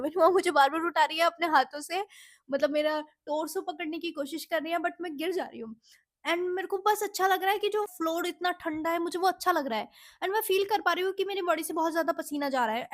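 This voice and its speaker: A woman's voice: very high voice, no echo, clean studio sound. A woman vlogger chatting casually as she tells a personal story, mixing Hindi with English phrases.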